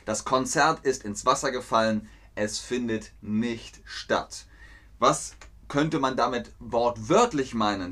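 A man teaching idioms in a language lesson, slow and clear, repeating phrases and acting out little scenes in playful put-on voices. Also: mid-range voice, fairly bright tone. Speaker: German teacher.

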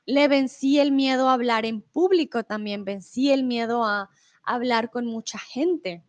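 Slow, friendly woman teaching Spanish. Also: on the high side. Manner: friendly, slow and explanatory, switching into English to explain. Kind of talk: live online lesson reading viewer comments.

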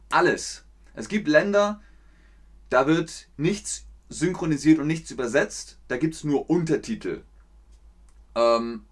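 A man with a Rhineland German accent, hosting a casual livestream lesson and explaining things slowly, with repeats of key sentences. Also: on the high side. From Cologne, Germany. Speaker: German teacher, livestream host.

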